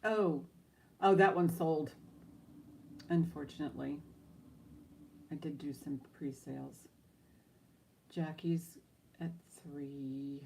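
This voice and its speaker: A woman's voice: low-pitched, fairly even intonation, slow, creaky, pauses often, a little mellow, a little hiss or hum. A woman running a live online auction as auctioneer, mixing casual, chatty patter with bid calls in an informal, rambling way.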